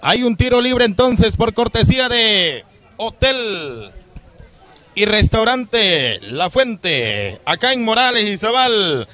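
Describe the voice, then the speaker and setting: High-pitched excitable male football commentator. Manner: excitable, shouting drawn-out goal calls. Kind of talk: live football commentary with long repeated goal calls.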